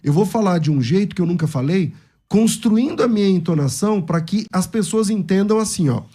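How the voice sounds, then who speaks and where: A man's voice: high voice, fairly quick, slightly rough. A man with a Brazilian accent, debating a point of scripture and arguing it with energy. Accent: Brazilian Portuguese. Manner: argumentative, lively, quotes scripture with changing intonation. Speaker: pastor in a debate. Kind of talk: theological debate.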